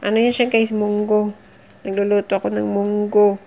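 Middle-aged woman, gravelly, friendly how-to vlogger, recorded on a phone. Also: medium pitch, flat delivery, moderate pace, warm tone. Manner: chatty, encouraging, addresses viewers as guys. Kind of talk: casual how-to vlog. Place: under a kitchen sink at home.

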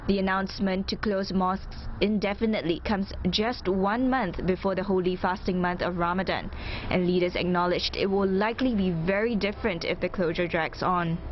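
A woman reporter narrates a news piece in a clear, steady voice-over. The sound is slightly muffled, with a faint hiss behind it. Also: fairly low pitch, normal speed.

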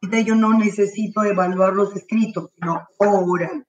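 A woman teacher giving slow, careful, repeated instructions to parents while straining her throat. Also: mid-range voice, fairly even intonation, far from the mic, highs cut off. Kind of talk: online class instructions to parents. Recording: voice from away from the mic.

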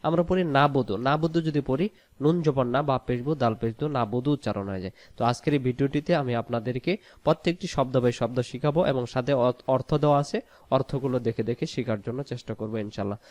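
A man teaching Quran pronunciation, quickly spelling out letters and vowels, then reciting the words slowly and drawn out. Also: medium pitch, a little mellow, no room sound. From Bangladesh. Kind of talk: pronunciation lesson.

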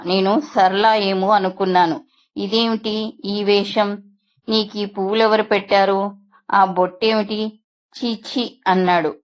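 A woman narrating a first-person story in a steady, measured reading voice. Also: on the low side. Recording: dull lo-fi recording.

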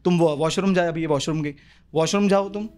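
Animated young stand-up comic, Mumbai Hindi. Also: male voice, clear, resonant tone. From India. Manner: animated, quick voices for street characters, swings in pitch. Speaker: stand-up comedian. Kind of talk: stand-up comedy set. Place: comedy club stage with live audience. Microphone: handheld stage mic. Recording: live club recording with audience laughter.

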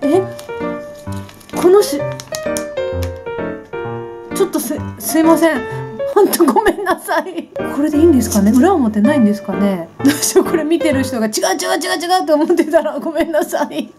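A woman's voice: sits high, animated, a little fast. A woman in her forties chatting casually in a beauty vlog, polite and flustered, laughing at herself often. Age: 40s. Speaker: beauty vlogger. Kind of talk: casual unboxing vlog chat. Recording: background music clearly audible.

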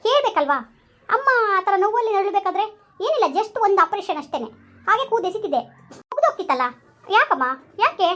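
A woman's voice: extremely high pitch, big pitch swings, fairly quick, a bit bright, exaggerated voice. A woman playing a scheming mother-in-law who lectures in a falsely sweet, bossy way in a comedy skit. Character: scheming mother-in-law posing as social worker.

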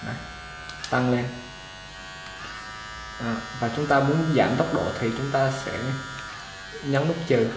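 Working for a barber supply shop, this man reviews products with a Vietnamese accent, unboxing casually at an indoor table with clipper boxes. He speaks in a mid-range voice at a relaxed pace, leaning on fillers as he handles things. An echoey room carries machine noise, clicks, and a clipper motor buzzing clearly in the background.

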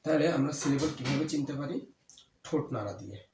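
Man teaching grammar in an echoey room. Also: on the high side. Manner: repeats key words slowly, asks and answers his own questions. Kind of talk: explanatory grammar lesson. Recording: echoey room with faint ambient noise.

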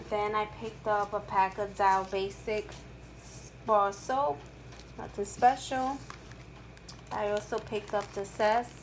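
A middle-aged woman talks through her shopping haul in an unhurried, chatty, upbeat voice at a middle pitch. She speaks from off-camera at home into the camera mic. Steady rain is clearly heard in the background. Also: slight background noise, rough recording. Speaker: haul vlogger. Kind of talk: casual haul narration. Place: indoors at home, rain outside. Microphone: camera mic, off-screen, hands in frame.

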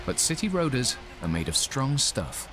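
A man's voice: medium pitch, big pitch swings, moderate pace, noisy background. A man reading scripted narration for a television documentary. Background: music and vehicle sounds.

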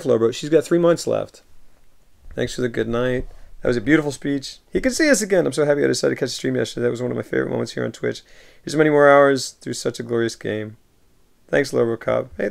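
Chatting casually from a home room full of film shelves, a thirties-aged US streamer picks up viewer messages, reads them out, and responds warmly with frequent laughter. He speaks in a relaxed, deeply gravelly voice picked up by a webcam mic.

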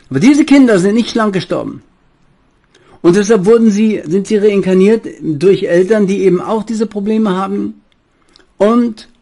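An older man giving a preachy monologue, addressing his listeners fondly and speaking with a slightly husky voice. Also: high voice. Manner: preachy, lively, addresses listeners as "meine Lieben". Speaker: spiritual speaker and author.

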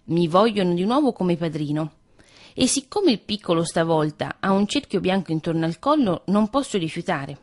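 A sly, greedy storybook tomcat, put on by a woman reading aloud coaxes in a smooth, wheedling tone. The voice sits low but swoops up and down with lively inflection. It stays close to the reader's own voice. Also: normal speed. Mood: coaxing. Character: sly greedy male house cat.

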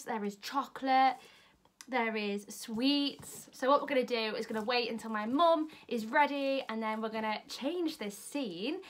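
A young woman with a British English accent chats away to her camera at home. Her voice sits a little high, and her delivery stays upbeat and friendly throughout. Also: fairly bright tone. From United Kingdom. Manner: cheerful, upbeat, chatty. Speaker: YouTube vlogger host. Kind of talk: casual chatty vlog. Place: at home, indoors.

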